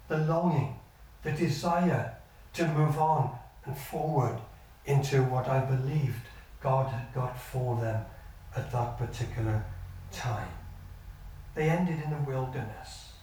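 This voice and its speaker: An older man preaching a sermon as pastor, earnest and measured, his sentences often sinking low at the end. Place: church hall. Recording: echoey church hall from far off.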